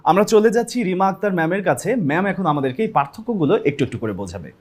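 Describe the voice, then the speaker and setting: A man hosts a classroom lesson at a rapid clip. His voice sits high, and he keeps an upbeat tone as he turns to the students. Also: very animated. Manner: upbeat, addresses students directly. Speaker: classroom program host. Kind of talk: presenting a classroom lesson, Bengali mixed with English.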